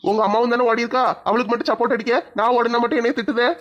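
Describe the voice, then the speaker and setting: A man's voice: very high voice, flat delivery, very fast, a bit bright. An actor playing a drunken, shameless middle-aged father. He talks in a blustering, mock-pleading way. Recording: dull lo-fi sound.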